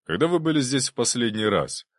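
A man voicing a brisk, eager police bailiff who barks orders in an official tone. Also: medium pitch, very animated, no echo, studio quality, pitched above the performer's own voice, natural voice.

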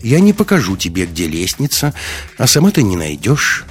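A man's voice: sits low, huge pitch swings, moderate pace, faint music behind. A man playing a mocking obsessive young man. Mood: indifferent.

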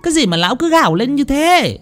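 A man voicing a sharp-tongued, scolding landlord's wife. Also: very high voice, sing-song, quick pace, faint music behind, voice pushed up, full character voice. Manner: scolding, snappish.

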